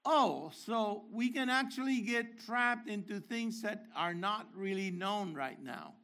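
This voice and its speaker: Older guy preaching, high bright voice, explains hebrew words, gets loud and emphatic. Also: takes it slowly. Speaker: Messianic teacher. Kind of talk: sermon teaching.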